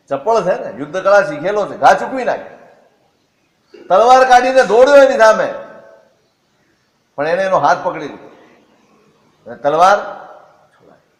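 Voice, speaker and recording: A man telling a religious story as a sermon, asking questions and answering them himself. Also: sits high. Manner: expressive, asks and answers his own questions. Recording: echoey hall.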